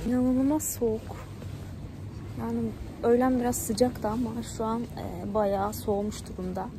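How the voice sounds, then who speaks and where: A woman's voice: fairly high pitch, level tone, normal speed. Young woman vlogging, noisy surroundings. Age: young adult. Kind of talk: casual vlog narration while out shopping. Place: shops and streets at night. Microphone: phone held at arm's length. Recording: noisy handheld phone recording, shop and street ambience.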